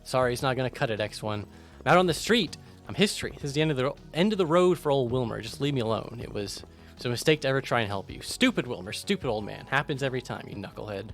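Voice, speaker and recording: A man's voice: mid-range voice, expressive, fast talker, few pauses, soft background music, close to an everyday voice. A man voicing a bitter, self-pitying old man who scolds and calls names as he reads out game dialogue. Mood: bitter scolding. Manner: ranting, name-calling. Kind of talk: video game voice acting over gameplay.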